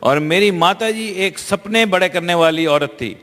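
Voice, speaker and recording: A man's voice: high-pitched, normal speed, a bit bright. A man interpreting a speech live, fluent and conversational, with small restarts. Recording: long hall reverb.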